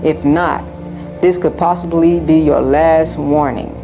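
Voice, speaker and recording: A woman's voice: sits low, fairly even intonation, a little slow, over music. A woman narrating a scripted introduction in an earnest, solemn, warning tone.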